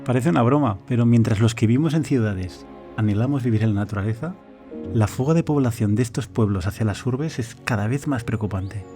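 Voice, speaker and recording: A man's voice: medium pitch, brisk, dark tone. A man delivering scripted, reflective and poetic narration in the manner of a nature documentary. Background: background music.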